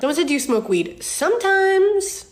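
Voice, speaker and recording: A woman's voice: very high voice, very animated, normal speed. A woman in her twenties casually answering viewer questions to her phone, chatty and candid, with frequent ums and laughs. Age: 20s. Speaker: social media creator answering fan questions. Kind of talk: casual Q&A chat.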